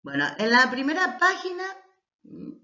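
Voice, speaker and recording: A woman teacher explaining lessons patiently, often checking in with a short "mm?" and reading verses aloud slowly. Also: high voice, huge pitch swings, pushed and bright. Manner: reads poems aloud slowly. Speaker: language teacher. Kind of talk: recorded class lecture. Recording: roomy, dull lo-fi recording.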